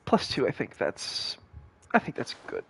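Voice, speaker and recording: A man's voice: a little slow, fairly bright tone. A tired young man streaming a game, rambling in casual commentary with many fillers, restarts and swearing. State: tired, yawning. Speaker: gaming streamer. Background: game music underneath.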